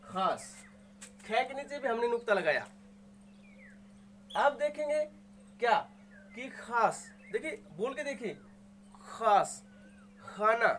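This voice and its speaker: A man's voice: extremely high pitch, very animated, slow, pauses often, a bit bright, slight background noise. A man teaching Hindi grammar, sounding out each word and repeating it patiently, asking and answering his own questions. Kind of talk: explaining Hindi grammar to students.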